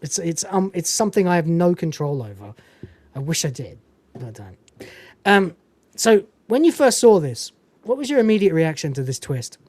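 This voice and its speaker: Here a podcast host whose voice sits on the high side talks at a moderate pace in a dry recording. He's animated while reviewing a film casually, cursing occasionally and acting out quoted lines in silly voices.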